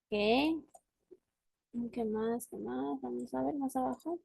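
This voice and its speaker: This online class features a woman with a high, slow voice that's a little mellow and husky, with vocal fry and no echo. She patiently explains vocabulary over video and frequently checks on how her student is doing.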